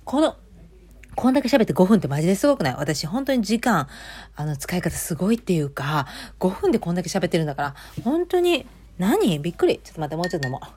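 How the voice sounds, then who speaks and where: Kansai woman, solo audio host, rapid rambling chat, lower pitch. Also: sing-song, a little mellow, breathy edge. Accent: Kansai Japanese. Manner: rambling and chatty, many fillers and asides. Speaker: podcast host.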